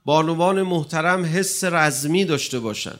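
A man's voice: on the high side, fairly bright tone. A male preacher giving an impassioned sermon, with emphasis that rises and falls. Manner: impassioned, rising and falling emphasis. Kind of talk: religious sermon.

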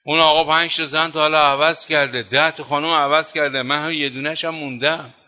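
A man's voice: fairly high pitch, fairly even intonation, sharp tone. A man preaching a sermon, telling stories and driving points home with emphatic, rhythmic repetition. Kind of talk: sermon with storytelling. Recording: long reverb of a hall.

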